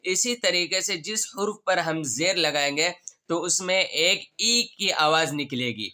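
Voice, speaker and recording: Male tutor, patient and methodical, voice bright and crisp. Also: sits high. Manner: patient, recites letters in steady rhythmic drill. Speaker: Urdu teacher. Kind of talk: online reading lesson, letter drills.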